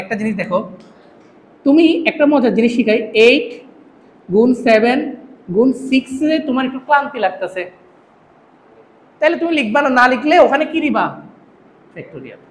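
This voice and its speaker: This is a classroom lecture in which a man teaching math keeps firing questions at his students. He speaks briskly in a very high voice with lively intonation, and the room sounds echoey with a faint hum.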